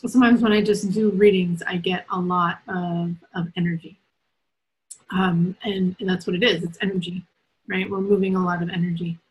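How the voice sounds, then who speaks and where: A woman's voice: mid-range voice, low-quality recording. Chatty woman hosting a video call reading. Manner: chatty, checks in with "right?" and "okay?" often; relaxed, giggles easily. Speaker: spiritual reader and host.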